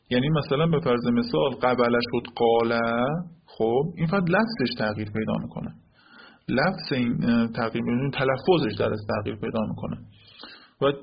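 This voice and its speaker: A man delivers a classroom lecture, explaining things step by step and frequently checking that his listeners are following. He has a medium-pitched voice with vocal fry, captured in a lo-fi recording with faint noise.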